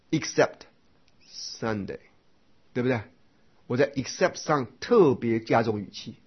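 A man delivers a Buddhist dharma lecture in a husky voice. His pitch moves a lot as he explains point by point and keeps asking rhetorical questions. The recording sounds dull and lo-fi. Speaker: Buddhist teacher.

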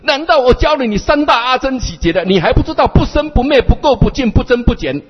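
A man's voice: extremely high pitch, expressive, fast talker, husky, soft background music, pitched above the performer's own voice, full character voice. A man playing a stern scolding bodhisattva teacher. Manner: scolding, exasperated, sing-song. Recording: dull echoey hall recording.

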